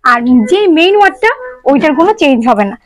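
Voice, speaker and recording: A woman's voice: sits high, expressive, quick pace, soft background music, rough recording. A woman teaching an online English grammar lesson, explaining step by step and asking her students questions. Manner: mixes English terms into speech.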